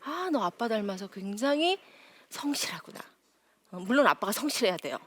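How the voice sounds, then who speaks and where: A woman giving a lively parenting lecture, acting out quotes in high voices and dropping to near whispers for emphasis. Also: moderate pace. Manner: animated, acts out quotes in high voices, laughs often. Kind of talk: lively lecture to a live audience.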